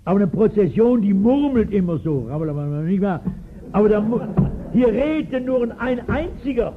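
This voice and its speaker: A man's voice: high voice, lively intonation, moderate pace, noisy background. A man in his sixties, a pastor telling a Bible story in a sermon, emphatic and often asking his listeners questions, on a tinny 1960s recording. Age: 60s. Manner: storytelling, emphatic, asks the audience.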